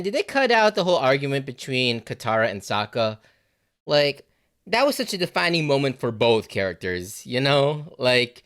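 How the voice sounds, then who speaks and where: A man giving casual, animated reaction commentary on a TV episode, swearing freely and saying "like" and "you know" a lot. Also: medium pitch, clear, resonant tone. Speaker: reaction video host.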